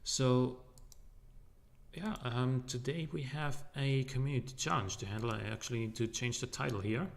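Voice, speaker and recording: A man's voice: mid-range voice, moderate pace, vocal fry. A man streaming a game in loose, rambling casual commentary, his voice echoing in a large, empty living room. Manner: rambling, loose and joking, with many fillers. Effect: echo from a large empty room.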